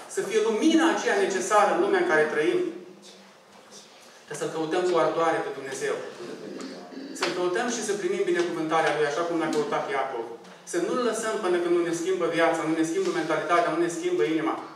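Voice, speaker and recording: A man's voice: a little high, distant mic, slight background noise. A man with a Romanian accent preaching a sermon in church, telling stories and pleading earnestly with the congregation. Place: church hall. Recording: very echoey church from afar, faint ambience.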